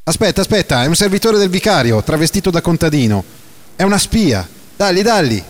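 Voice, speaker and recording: A man voicing a frenzied male rioter who shouts accusations in a shrill, high voice. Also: big pitch swings, fairly quick. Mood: furious. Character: furious male rioter crying spy, frenzied.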